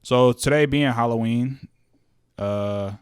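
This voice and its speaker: A man's voice: mid-range voice, takes it slowly, clear, resonant tone. Young man, laid-back profane podcast chat. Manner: loose, profane storytelling that slips into quoted voices; laughs often while talking. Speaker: podcast co-host. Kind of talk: casual chat.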